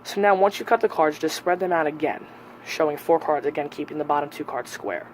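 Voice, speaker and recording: Higher-voiced man teaching, with background noise. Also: fairly quick, poor audio. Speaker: magic tutorial presenter. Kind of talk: casual step-by-step card trick tutorial.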